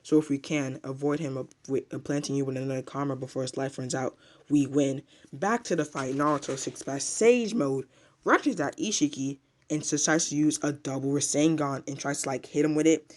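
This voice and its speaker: A man's voice: mid-range voice, fairly even intonation, normal speed. A man casually retelling a manga chapter as a reviewer, rambling with filler words and restarts.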